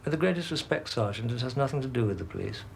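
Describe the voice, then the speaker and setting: An actor playing a guarded, officious music business boss in a TV drama, formal and evasive. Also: male voice, medium pitch, animated, very fast, creaky, husky.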